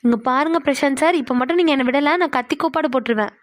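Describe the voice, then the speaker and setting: A woman voicing a chatty, easily flustered young female office worker in a cartoon, quick to protest. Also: high voice, natural voice. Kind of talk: cartoon voice acting.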